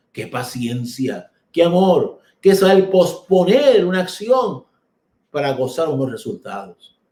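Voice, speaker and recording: A man preaching a Bible study sermon as pastor, earnest and repetitive, with rhetorical questions and swings from soft, low passages to raised emphasis. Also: reverberant. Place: church.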